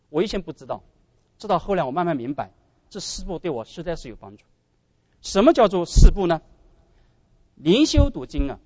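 A man preaching a sermon as pastor, animated and often addressing his brothers and sisters. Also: sits high, no room sound, muffled recording.

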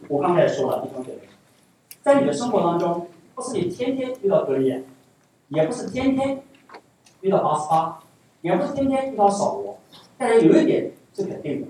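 Pastor mid-sermon, animated pitch, talks back and forth with the congregation through questions, heard from far off in a reverberant hall with faint ambience. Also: slight background noise. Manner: asks the congregation rhetorical questions; repeats phrases for emphasis.

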